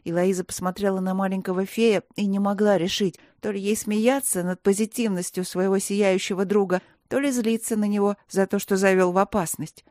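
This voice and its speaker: A woman narrating a fantasy audiobook in a measured, expressive way. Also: mid-range voice, no room sound, clean studio sound. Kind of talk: scripted fantasy story narration.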